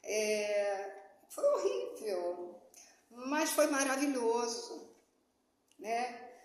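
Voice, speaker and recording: Expressive woman, echoey room. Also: fairly high pitch, extremely slow, a little hiss or hum. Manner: animated, dramatic retelling with quoted dialogue. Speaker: channel host telling a personal story. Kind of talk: casual personal storytelling.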